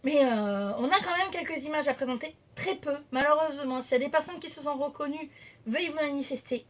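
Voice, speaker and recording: An enthusiastic French woman with a high, slightly bright voice vlogs in a casual chat, talking a little fast. She's chatty but hesitant, full of fillers and self-corrections, and it's recorded on a phone camera.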